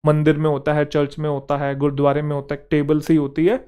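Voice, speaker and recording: A young man from Haryana with a Haryanvi touch in his speech, teaching an exam-prep vocabulary lesson in Hindi and reading English example sentences slowly and deliberately. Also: fairly high pitch, completely flat delivery, warm tone, clean tone. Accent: Haryanvi-tinged Hindi and English. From Haryana, India.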